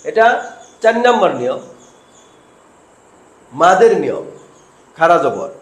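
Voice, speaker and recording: A man's voice: a little high, sing-song, slow pace, echoey room, rough recording. A man teaching Quran recitation step by step, asking questions and answering them himself while he drills syllables.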